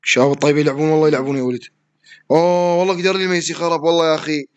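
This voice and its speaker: Fast excitable Iraqi gamer man. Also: a little high, clean tone, lo-fi sound. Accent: Iraqi Arabic. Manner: excitable, yells at opponents and swears mid-play. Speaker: gaming streamer. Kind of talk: live gameplay commentary.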